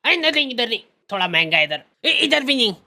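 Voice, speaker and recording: A man's voice: very high voice, very animated, quick pace, gravelly, bright, forceful tone, slight background noise, exaggerated voice. A man playing a boastful college senior who lectures younger boys about girls, in a bragging, preachy manner. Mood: lecturing. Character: boastful male college senior, self-styled love guru. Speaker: senior student.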